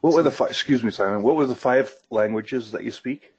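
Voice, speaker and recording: A man chatting casually, mostly giving short replies and asking quick questions. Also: medium pitch, darkish tone, husky. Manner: brief back-channel replies and questions. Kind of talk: casual chat. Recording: dull lo-fi recording.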